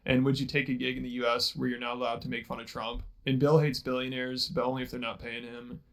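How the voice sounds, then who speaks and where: Flat, gravelly male channel host. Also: mid-range voice, fast talker, low-quality recording. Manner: matter-of-fact, reads out viewer comments. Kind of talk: scripted video narration.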